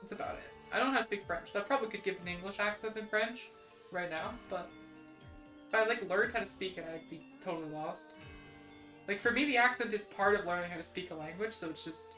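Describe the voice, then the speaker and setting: Speaking fairly quickly but with long pauses, a young adult woman with a Midwestern General American accent chats on her VTuber stream at a desk mic. Her mid-range voice has a fairly bright tone, and faint music plays behind her. She rambles in a self-deprecating way, with many "like"s and restarts.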